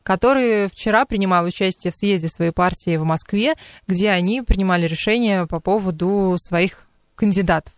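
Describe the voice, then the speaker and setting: A man's voice: sits high, moderate pace, clean tone, no room sound. A man hosting a radio talk show, conversational, hesitating and correcting himself as he goes. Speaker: radio host. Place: radio studio.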